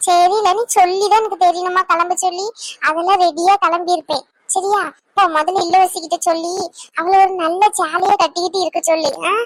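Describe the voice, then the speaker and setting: A woman's voice: extremely high pitch, fairly even intonation, fairly quick, no room sound. A woman voicing a fretful middle-aged village mother in a cartoon, lamenting and scolding with emotion. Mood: worried, pleading. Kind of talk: Tamil cartoon voice acting.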